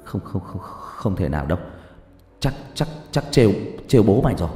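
A man's voice: medium pitch, lively intonation, fast talker, warm tone, lightly acted. A man voicing a polite young village man, earnest and stammering with fright. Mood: stunned. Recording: echoey hall with faint music.

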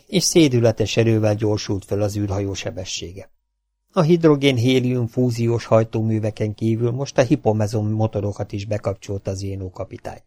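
Low-voiced Hungarian male audiobook narrator. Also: dark tone, no room sound, clean studio sound. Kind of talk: scripted narration.

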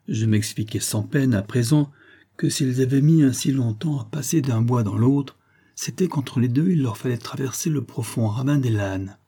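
Audiobook narrator, male: husky, mellow low timbre, measured and steady. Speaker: audiobook reader. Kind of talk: scripted narration.

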